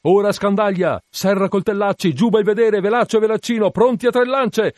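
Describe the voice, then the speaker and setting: A man voicing a fierce, obsessed whaling captain in an audiobook, shouting urgent, commanding orders to his crew in long, repeated cries. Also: medium pitch, normal speed, no room sound, studio quality, close to an everyday voice.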